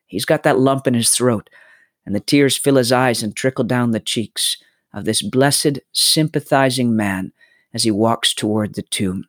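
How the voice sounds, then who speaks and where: A man teaching from the Bible in an earnest, preaching style, slowing down to stress key words. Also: medium pitch, no echo, clean studio sound.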